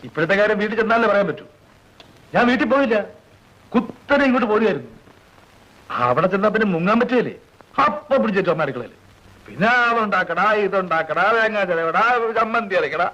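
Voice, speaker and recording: A man's voice: high-pitched, expressive, quick pace, sharp tone, highs cut off, exaggerated voice. An actor playing a chatty, boastful young man who rambles on about cooking for his mother in a comedic film scene.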